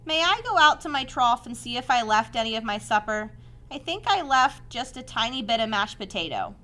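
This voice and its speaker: A woman's voice: fairly high pitch, sing-song, normal speed, sharp tone, voice pushed up. A woman voicing an innocent young male pig in a storybook, earnest, childlike and eager, with an anxious, affectionate temper.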